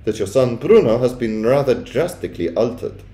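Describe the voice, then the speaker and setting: Man as elderly grandmother, storybook character, polite, firm, bristling, lifted pitch, echoey room. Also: very animated, moderate pace, warm tone. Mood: firm, insistent. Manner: polite, insistent. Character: kindly but bristling old grandmother, patient and firm.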